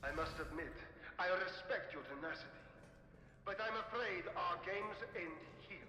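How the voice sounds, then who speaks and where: An actor playing a calm, formal video game villain delivering a menacing monologue. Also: mid-range voice, normal speed, slightly rough. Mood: polite menace.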